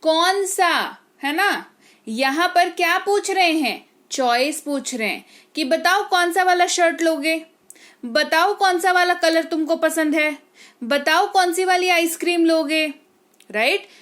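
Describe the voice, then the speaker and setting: A woman's voice: very high-pitched, takes it slowly, a bit bright. A woman teaching a language lesson, spelling words out letter by letter and often checking "okay?" with her students. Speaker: English teacher.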